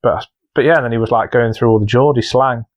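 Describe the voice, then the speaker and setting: A man's voice: medium pitch, fast, dull audio. A man co-hosting a podcast in casual chat, rambling with lots of fillers and restarts. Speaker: podcast co-host.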